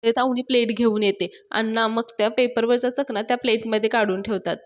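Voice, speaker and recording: A woman with a slightly high voice recaps a TV serial episode scene by scene. She talks in a chatty, casual storyteller's way, now and then addressing her listeners directly. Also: steady tone, fairly quick, muffled recording.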